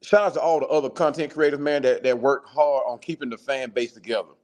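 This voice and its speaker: A man's voice: medium pitch, fairly even intonation, fast talker, a little mellow. Earnest guy guesting on a fan stream, rambles, repeats stuff. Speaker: guest content creator. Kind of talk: casual sports talk.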